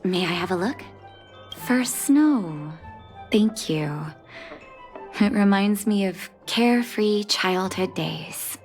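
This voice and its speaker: A woman's voice: mid-range voice, lively intonation, takes it slowly, pauses often. An actress playing a caring young woman doctor reuniting with her mother, earnest and emotional, over game music. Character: grown daughter, a caring doctor. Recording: game score underneath.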